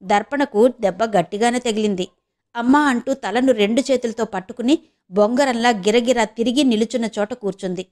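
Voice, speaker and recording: Brief: Telugu woman, audiobook narrator, steady storytelling delivery. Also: fairly high pitch, brisk. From India.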